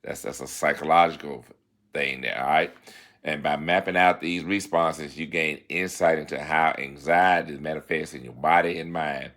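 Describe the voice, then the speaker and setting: A man hosting a self-help talk segment, moving between formal read-out passages and relaxed, folksy asides, often checking in with "all right?". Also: rumbling low, normal speed. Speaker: show host giving self-help advice.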